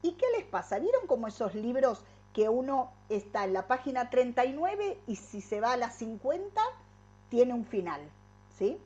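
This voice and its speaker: A woman's voice: on the high side, sing-song, normal speed, warm tone, highs cut off. A middle-aged woman gives an inspirational talk and keeps checking in with rhetorical tag questions. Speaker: workshop speaker.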